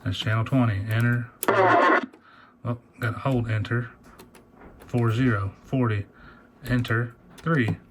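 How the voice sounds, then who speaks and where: Taking it slowly with long pauses, a medium-pitched man presents an easygoing, unscripted hands-on gadget demo with a technical bent as a hobbyist video maker. His phone camera mic also picks up radio chatter and hiss.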